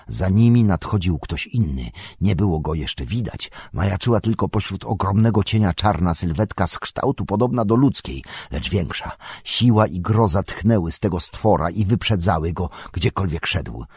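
A man with a very deep, husky voice narrating a fantasy audiobook. His delivery is measured and dramatic, building tension line by line. The recording is dry and close-miked. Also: darkish tone, no room sound. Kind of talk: audiobook reading.

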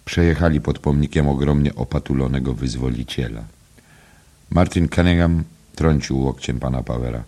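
A man narrating a literary audiobook in a measured, even reading. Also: extremely low pitch.

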